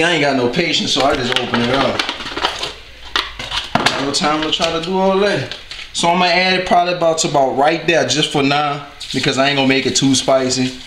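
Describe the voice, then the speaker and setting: A man from New Orleans with a New Orleans accent, casually chatting and joking with viewers while cooking in his home kitchen. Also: on the high side. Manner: slangy, rambling, joking to viewers. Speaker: cooking video host. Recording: echoey room with clear noise.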